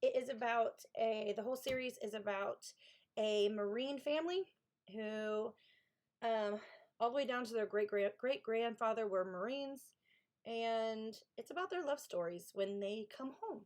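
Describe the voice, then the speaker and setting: A woman's voice: a little high, a little slow, darkish tone. A woman from Kentucky with a Southern accent, chatting casually with viewers on a live stream about her books. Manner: chatty, thanks viewers, reads chat aloud. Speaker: author streaming writing sprints.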